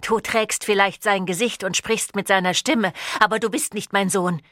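A woman's voice: mid-range voice, steady tone, normal speed, fairly bright tone, dry recording, clean studio sound, lightly acted. A woman voicing a terrified, furious middle-aged mother in an audiobook, panicked and shrieking. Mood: fearful. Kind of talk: audiobook reading.

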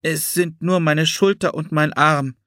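A man's voice: a little high, steady tone, unhurried, bright, forceful tone, no room sound, studio quality, voice pushed up. A man doing a brave, hurting young boy. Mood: weary. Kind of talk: audiobook character voice.

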